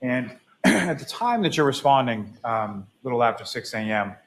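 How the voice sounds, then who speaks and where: A man's voice: medium pitch, very animated, slight background noise. Man questioning a witness on a courtroom recording. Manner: measured, halting questions with frequent "uh" and throat clearing. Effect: heard through a courtroom recording. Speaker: prosecutor.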